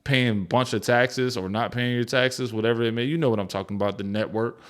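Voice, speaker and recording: A man's voice: mid-range voice, steady tone, brisk. A man hosting a reaction show, commenting casually in slangy speech. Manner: laid-back, slangy, laughs easily.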